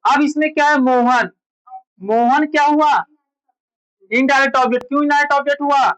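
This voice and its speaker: A woman's voice: high-pitched, steady tone, a little fast, a bit bright, rough recording. A woman teaching a grammar lesson, who keeps asking her students questions and answers them herself. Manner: quizzes students with repeated questions. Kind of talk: classroom lecture.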